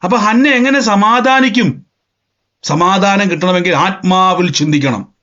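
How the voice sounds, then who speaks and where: A man's voice: sits high, a little slow, sharp tone. A man preaching a sermon emphatically, repeating phrases and acting out scenes. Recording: dull lo-fi sound.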